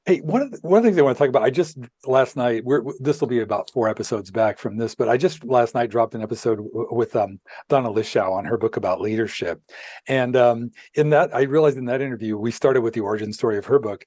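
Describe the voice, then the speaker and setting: A man's voice: medium pitch, fast talker, darkish tone, no echo, clean studio sound. An older man hosting a podcast interview over a video call, friendly and a bit rambling. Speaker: podcast host. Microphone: earphone mic on video call.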